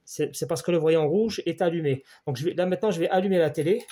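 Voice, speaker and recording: A French-speaking man with a slightly high, warm voice gives a fast, hands-on electronics repair lesson. He explains every measurement step by step, speaks directly to the viewer, and keeps repeating his key points.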